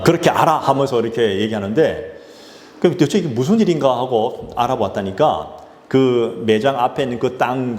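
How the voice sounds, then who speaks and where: A man's voice: mid-range voice, a little mellow. A man, a pastor, telling a story in a sermon, with loose fillers and restarts along the way. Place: church sanctuary. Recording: echoey church hall with faint noise.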